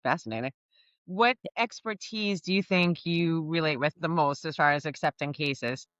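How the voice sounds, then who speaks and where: A woman's voice: low voice, moderate pace, a bit bright, dry recording, highs cut off. A woman with a Boston accent hosting an interview, giving short friendly prompts. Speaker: podcast host. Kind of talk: casual interview conversation.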